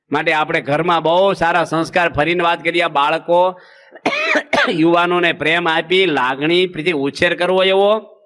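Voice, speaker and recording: Humorous sermon by a male monk preacher, high and bright, folksy storytelling. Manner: folksy, acts out village anecdotes with quoted voices.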